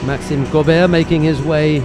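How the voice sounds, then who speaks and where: A man doing live play-by-play sport commentary in a measured way, with dry jokes to his co-host. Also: fairly high pitch, steady tone, over music.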